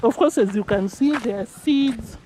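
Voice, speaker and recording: Out in a farm field in the rain, a village vlogger walks and talks, her slightly high voice at normal speed against background noise. She explains her farm work as she goes and laughs often.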